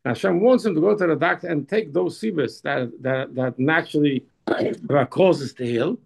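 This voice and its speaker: A man teaching a religious text class. He often repeats and restarts his words, and he reads passages slowly before translating them. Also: fairly high pitch, gravelly, poor audio.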